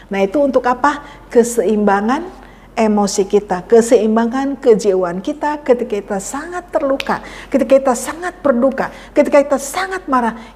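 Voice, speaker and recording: A woman's voice: fairly high pitch, a little mellow, in a large hall. A woman pastor preaching a sermon, repeating key phrases for emphasis and acting out pleading prayers. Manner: acts out pleading prayers to God. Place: church.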